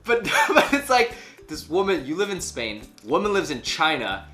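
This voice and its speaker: On a couch in a small furnished room, a man co-hosting a news chat show retells a story in slangy speech, acting out imagined quotes. His voice sits on the high side at a normal speed, and faint music plays behind him. His manner is animated throughout.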